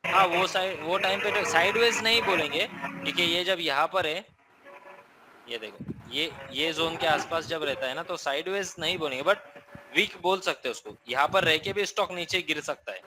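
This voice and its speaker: A man's voice: a little high, normal speed, background noise. A man with an Indian accent teaching a live trading class, explaining casually and often checking in with listeners.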